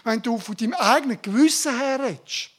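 Woman preacher, higher-pitched, fervent and informal sermon delivery with exclamations. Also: brisk, husky. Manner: fervent, exclaiming bursts of praise; addresses congregation directly, informal.

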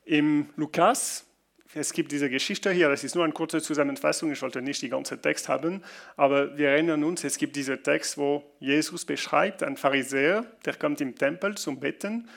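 Guy preaching, kinda gravelly, a bit high, stops and restarts a lot. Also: a bit bright. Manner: halting non-native German with restarts, reads Bible passages slowly. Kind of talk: sermon.

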